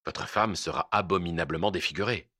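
A man reading aloud and voicing a calm, cautious surgeon who weighs his words. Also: low voice, brisk, no room sound, studio quality, voice pushed down. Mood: measured.

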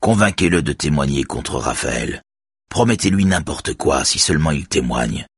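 A man plays a calm police chief in an audiobook, measured and unhurried in his orders. His voice is very deep and husky, recorded dry. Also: no echo, heavily acted.

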